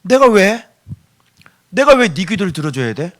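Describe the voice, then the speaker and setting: A man voicing God as an exasperated but doting father who tells a loud pleader that he already hears everything. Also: sits high, sing-song, normal speed. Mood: stern. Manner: weary, indulgent scolding.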